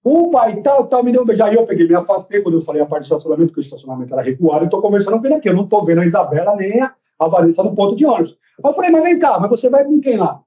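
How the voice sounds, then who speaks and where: A man with a Brazilian Portuguese accent giving courtroom testimony as a defendant, telling his story in an animated way and acting out the dialogue. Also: sits high, racing, muffled recording.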